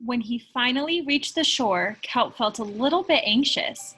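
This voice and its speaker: With music playing behind her, a woman reads a children's picture book aloud in an expressive storytelling style. Her voice is a little high and she reads at a normal speed.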